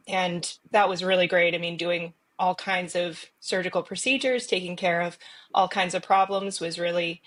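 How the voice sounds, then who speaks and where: A woman surgeon from New York City answering interview questions in a reflective way with many ums. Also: fairly low pitch. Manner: warm, reflective, lots of ums.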